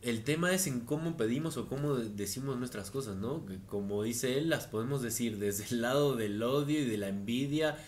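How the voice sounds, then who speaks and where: A man chats about a book, retelling its examples in a relaxed, conversational way. His pitch is ordinary for a man. A faint low rumble sits behind him. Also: normal speed, few pauses. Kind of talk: casual book discussion.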